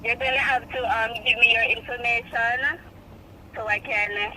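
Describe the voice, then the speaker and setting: High-voiced woman on a noisy phone call. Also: steady tone, normal speed, pushed and bright. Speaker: caller on a prank phone call. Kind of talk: casual phone conversation.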